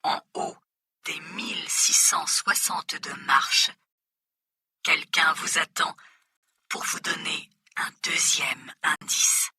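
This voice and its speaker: A woman voicing a masked mysterious stranger who speaks in a disguised, distorted voice, breathy and half-whispered in a storybook reading. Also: sits low, sharp tone, no room sound, clean studio sound, heavily acted. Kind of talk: storybook narration.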